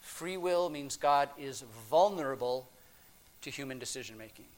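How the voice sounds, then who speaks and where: A man preaching a sermon, swinging between hushed, drawn-out phrases and emphatic, raised passages. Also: medium pitch, animated.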